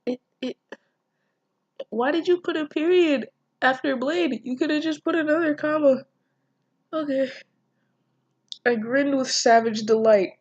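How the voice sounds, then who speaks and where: Sitting high and a little mellow, this woman's voice moves unhurriedly with long pauses as she reads fan fiction aloud and reacts casually, giggling and stopping to comment. Her manner is incredulous and self-deprecating, and she swears freely. The lo-fi audio has no room sound.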